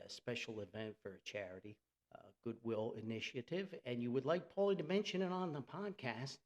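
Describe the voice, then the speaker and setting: On the high side and a little mellow, this American man's voice carries a solo podcast monologue with sponsor segments. He hails from New Jersey and keeps things chatty, folksy and theatrical, exclaiming often and repeating words to stress them.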